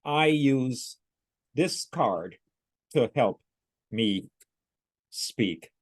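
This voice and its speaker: A middle-aged man reading out his son's typed words in a slow, halting, robot-like delivery, one word at a time. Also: mid-range voice, animated, dry recording. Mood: measured.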